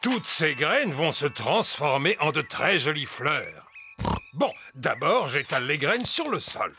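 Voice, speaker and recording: An actor playing a kindly, excitable old grandfather pig in a children's cartoon dub. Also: a little high, unhurried, music in the background. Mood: genial, explaining.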